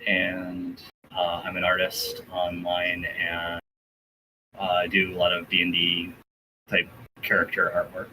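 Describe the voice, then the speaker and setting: A man's voice: low voice, completely flat delivery, a little slow, background noise. A man from Florida, a player, introducing himself hesitantly. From Florida, United States. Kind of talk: casual self-introduction.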